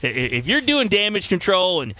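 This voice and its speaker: A chatty middle-aged male radio host with a bright, forceful tone and a slightly raised pitch. He talks in a loose conversational way, full of asides and stories. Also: sing-song, fairly quick, dry recording. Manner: chatty storyteller. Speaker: radio talk show host. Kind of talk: local radio chat.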